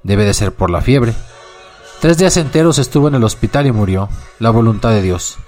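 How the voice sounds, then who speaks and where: A man voicing a weary, grieving old sledge driver who speaks in a low murmur. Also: expressive, normal speed, darkish tone, soft background music, natural voice.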